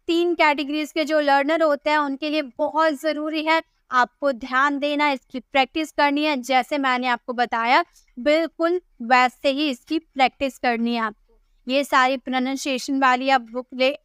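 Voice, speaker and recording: A woman from India teaching an online spoken-English lesson, patiently repeating example words slowly. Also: high voice, a bit bright, no room sound, studio quality.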